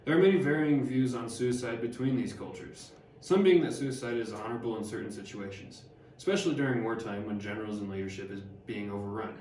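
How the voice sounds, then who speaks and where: A man's voice: mid-range voice, fast talker, a little mellow, a little hiss or hum, natural voice. Harriet Martineau, learned older woman, a young man reading, echoey room, distant mic. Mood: measured. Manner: reads plainly with small stumbles. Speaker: student actor. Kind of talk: amateur class skit read from script.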